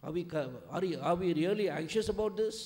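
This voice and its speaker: A man's voice: high-pitched, expressive, extremely slow, a little mellow. A man preaching a sermon in short lines, stopping after each one for his interpreter, his voice rising and falling as he pleads. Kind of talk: sermon in English with live interpretation.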